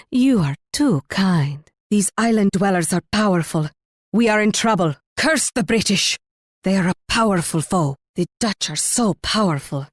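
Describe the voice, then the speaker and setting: A proud Spanish queen at war for a video game. She speaks with regal, measured authority and slips into teasing, coaxing flirtation. Her voice sits at a medium pitch in a dry, studio-like sound. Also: dry recording. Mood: grateful, flattering.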